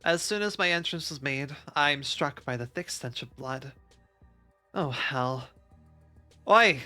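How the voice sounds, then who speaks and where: Casting: live-stream narrator, bright and mid-pitched, quick to laugh. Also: faint music behind. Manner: laughs between lines, breaks off to joke. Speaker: streamer reading and voicing a game.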